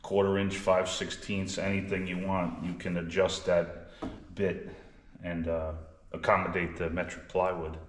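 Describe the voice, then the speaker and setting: A man's voice: sits low, flat delivery, unhurried. A man demonstrating woodworking in a plainspoken, practical way, like a shop class teacher. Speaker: woodworker demonstrating cabinet making. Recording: echoey workshop, clear background noise.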